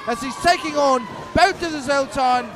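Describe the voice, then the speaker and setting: A lucha libre announcer with a very high-pitched male voice calls the action from a broadcast table. His phrasing is dramatic and formal, like a ring showman's, over clear crowd noise. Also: normal speed. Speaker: play-by-play wrestling announcer. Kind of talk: lucha libre wrestling commentary. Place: broadcast table at a wrestling event. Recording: live event with loud crowd.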